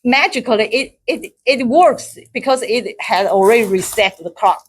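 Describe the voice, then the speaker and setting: A middle-aged Taiwanese woman with a breathy edge tells a personal story at a speaking club. She speaks haltingly, restarting often and repeating words, laughs a lot, and turns high and loud when excited.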